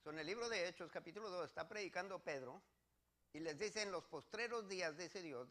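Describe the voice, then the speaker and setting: A man's voice: fairly high pitch, sharp tone. A man from Mexico, preaching a sermon as pastor and reading scripture verses with earnest repetition.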